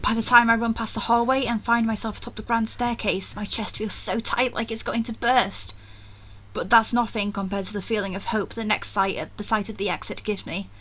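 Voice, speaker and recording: Speaking fairly quickly in a high, level voice that sounds pushed and bright, a woman hosts a gaming video and gives a theatrical story reading with casual asides. There is faint music in the background.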